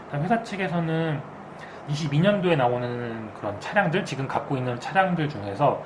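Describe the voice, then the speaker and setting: A man's voice: a little high, animated, fairly quick. A man co-hosting an unscripted financial talk, speaking through a face mask and explaining carefully as he weighs his word choices. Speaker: co-host and market commentator. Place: makeshift indoor room, not a studio. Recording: clearly noisy, air conditioner hiss.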